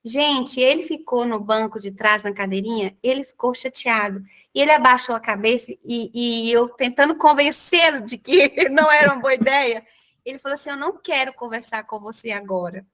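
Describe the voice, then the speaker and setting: A woman's voice: a little high, moderate pace. A young adult woman with a Brazilian accent, a psychologist hosting a podcast and telling stories to her listeners. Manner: lively anecdotal storyteller addressing listeners. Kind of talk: conversational podcast, storytelling.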